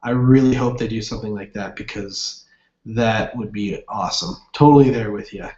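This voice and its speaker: A young man with a lowish, darkish voice at normal speed hosts a casual gaming livestream. He rambles in an upbeat way with plenty of fillers while reading viewer comments, over roomy, dull lo-fi webcam audio.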